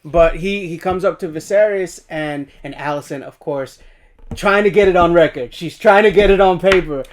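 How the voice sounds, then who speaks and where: Podcast guy, kinda high voice, retells the plot all animated and does the characters' lines. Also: normal speed. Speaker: podcast co-host. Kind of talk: casual review chat.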